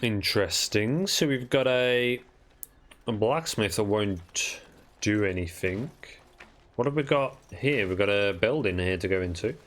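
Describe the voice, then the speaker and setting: A man commenting casually and slowly on his gameplay as a let's play host, musing and joking. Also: lowish voice, expressive, fairly bright tone. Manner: slow, musing, jokey.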